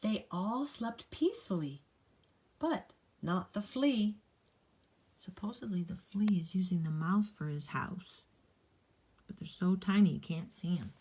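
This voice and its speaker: A grandmother reads a picture book aloud to small children, playfully sing-songing through lists with dramatic emphasis and chatting directly to her young audience in asides. Her voice is on the low side and a little mellow, a little slow, with long pauses.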